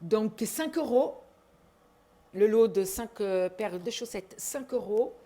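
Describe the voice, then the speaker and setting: A middle-aged woman talks through her shopping haul in an unhurried, easygoing way. Her voice sits at an ordinary middle pitch, and she often trails off into drawn-out fillers. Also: animated, mellow. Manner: hesitant, full of drawn-out fillers. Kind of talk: casual haul vlog.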